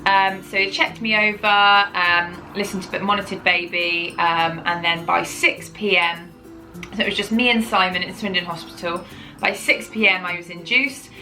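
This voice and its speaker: A woman's voice: on the low side, steady tone, moderate pace, bright, forceful tone, faint music behind, rough recording. A woman, telling her own story to camera in a chatty, rambling way, often correcting herself. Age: 30s. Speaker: parenting vlogger.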